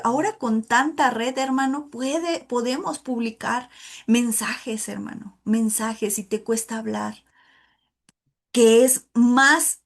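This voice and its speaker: A woman giving an informal, emotional sermon to a women's Bible study, calling her listeners "hermano" as she tells a personal testimony. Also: fairly high pitch. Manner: addresses listeners as "hermano" often, emotional and earnest.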